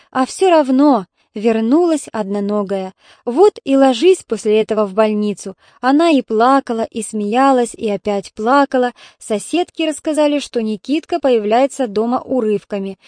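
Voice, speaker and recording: Woman reading a sad story aloud, calm and measured, dry close mic. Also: a little high, no room sound. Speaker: audiobook narrator. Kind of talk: scripted narration.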